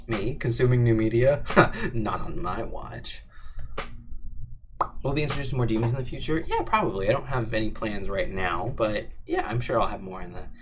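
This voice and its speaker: A man's voice: fairly low pitch, fast, hardly any pauses, background noise. A young man hosting a casual livestream Q&A, reading chat aloud, bantering and laughing often. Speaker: livestream host answering chat.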